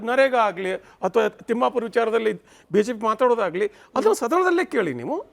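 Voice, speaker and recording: Male pundit with a Kannada accent, very high and animated voice, emphatic and switching into English. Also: normal speed, vocal fry. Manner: emphatic, mixes in English phrases, restarts. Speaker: political analyst, senior journalist. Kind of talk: debate commentary.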